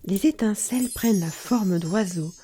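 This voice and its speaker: A woman narrating a children's story in a lively, expressive way. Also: mid-range voice, normal speed, a little hiss or hum.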